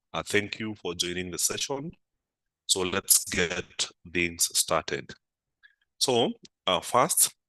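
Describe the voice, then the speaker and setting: On a live market analysis stream, the male host takes viewer comments in an unhurried way, filling pauses with many an "uh," his voice slightly off because of a flu. It sits low and sounds pushed and bright, and the audio is poor, with no room sound.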